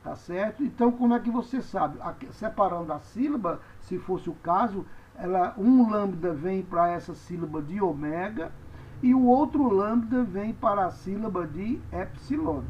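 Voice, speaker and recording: A man's voice: high voice, animated, moderate pace, slight background noise. A man teaching a language lesson, patiently spelling out letters and repeating each word. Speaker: Greek teacher. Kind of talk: classroom lecture. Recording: dull lo-fi recording.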